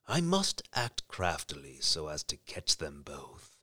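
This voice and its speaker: Cunning storybook wolf, deep drawl, sinister hush, read by a male narrator. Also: wildly swooping pitch, husky, full character voice. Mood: scheming. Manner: slow, low and sinister, sometimes whispered. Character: wicked sly male wolf.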